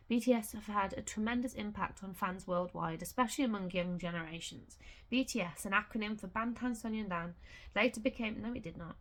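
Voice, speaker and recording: A woman reading a booklet aloud in a casual vlog, stumbling over words and breaking off to swear. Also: medium pitch. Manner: reads haltingly with restarts and swears in sudden outbursts. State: has the hiccups.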